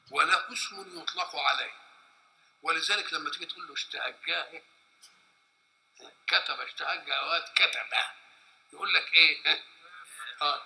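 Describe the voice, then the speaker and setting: Gravelly Egyptian religious teacher. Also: male voice, on the high side, pushed and bright, rough recording. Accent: Egyptian Arabic. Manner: asks the listeners questions and answers them himself, stretching out letter names. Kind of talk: spoken Quranic lesson.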